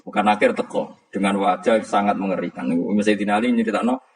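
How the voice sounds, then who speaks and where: A man's voice: lowish voice, steady tone, fast. A man giving a religious lecture, humorous and chuckling, often quizzing his audience. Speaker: Islamic preacher.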